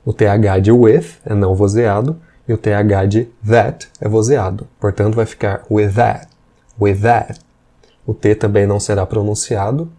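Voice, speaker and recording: A man teaching English. His voice is low and mellow. He explains patiently and repeats examples slowly. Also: level tone. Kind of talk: explanatory language lesson.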